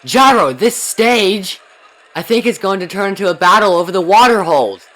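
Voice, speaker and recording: A man's voice: mid-range voice, close to an everyday voice. A man voicing an earnest young horse racer in an emphatic, overacted anime fan dub, explaining as he goes.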